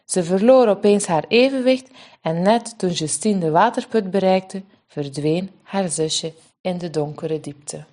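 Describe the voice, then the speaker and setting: A woman's voice: fairly low pitch, a little slow. Woman reading a children's story. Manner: lively, expressive reading.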